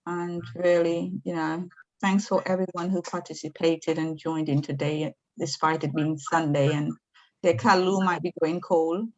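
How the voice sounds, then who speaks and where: A woman's voice: fairly low pitch, level tone, measured pace. A woman giving casual remarks as a participant in an online meeting over a video call. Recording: dull lo-fi video call audio.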